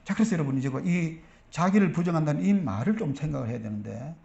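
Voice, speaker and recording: A man's voice: a little high, lively intonation, fast, creaky, darkish tone, reverberant, muffled recording. A middle-aged man, a pastor preaching a sermon who acts out quoted church members.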